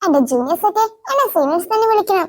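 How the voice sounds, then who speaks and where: Stuck-up cartoon schoolgirl, a woman acting her, slow, very high and bossy. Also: expressive. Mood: haughty. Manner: slow, drawn-out, self-important. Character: haughty new schoolgirl, show-off and bossy.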